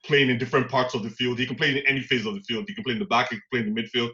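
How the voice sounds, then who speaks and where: A man talking over a muffled, lo-fi video call line, his voice crisp and bright. He pushes his point in a casual debate, halting and repeating words as he gets going. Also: mid-range voice, level tone. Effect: lo-fi video call audio. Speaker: football fan panelist. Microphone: computer or phone mic on a video call.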